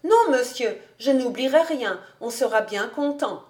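A woman reading an audiobook, voicing a sweet, timid young farm girl who talks quickly and eagerly. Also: high voice, lively intonation, a little mellow. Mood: grateful.

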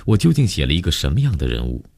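A man narrating a first-person novel with an extremely low, deep voice. He reads in a measured, grave storytelling manner, steady and deliberate. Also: gravelly. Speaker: audiobook narrator.

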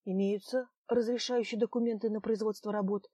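A woman's voice: medium pitch, fairly even intonation, brisk, warm tone, no echo, close to an everyday voice. Woman reading a curt police officer.

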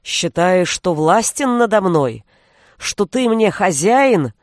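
A woman doing a defiant young forest witch, angry and forceful, dry close sound, audiobook. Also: medium pitch, big pitch swings, takes it slowly, dry recording. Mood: furious. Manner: angry, raised voice.

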